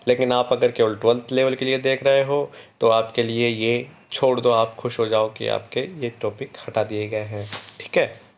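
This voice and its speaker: A male teacher walking students through a syllabus, reading topic names slowly and explaining quickly in between. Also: mid-range voice, little pitch movement, slight background noise. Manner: reads English topic names slowly, explains in fast Hindi; repeats "ठीक है" to check in with students. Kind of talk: exam syllabus walkthrough.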